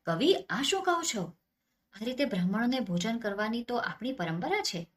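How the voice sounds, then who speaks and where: A woman's voice: lowish voice, animated, a little slow, a bit bright. A woman voicing a gracious, humble king who speaks politely and courteously in a storybook tale.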